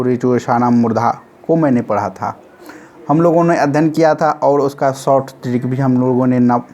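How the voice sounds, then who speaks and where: A man teaching grammar in a recorded lesson, chanting short memory formulas slowly and repeating each one many times. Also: mid-range voice, a little mellow. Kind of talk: classroom-style recorded lesson.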